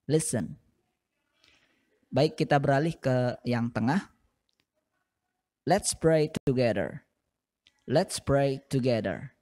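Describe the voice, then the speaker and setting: A male teacher gives a recorded lesson to seventh graders. He speaks slowly and at a medium pitch. He says each English phrase twice, drilling the pronunciation in short, patient steps. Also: warm tone.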